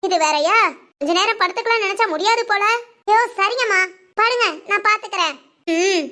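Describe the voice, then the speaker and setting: A woman's voice: very high-pitched, a little fast, bright, forceful tone. A woman voicing a fussy, aching elderly mother-in-law in a family cartoon, complaining and chiding. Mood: grumbling. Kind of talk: Tamil family cartoon voice acting.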